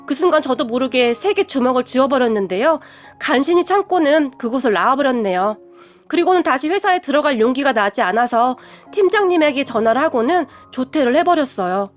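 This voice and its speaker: A woman's voice: sits high, animated, brisk, faint music behind. A woman reading a first-person story aloud in an earnest, confiding storytelling tone. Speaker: story narrator.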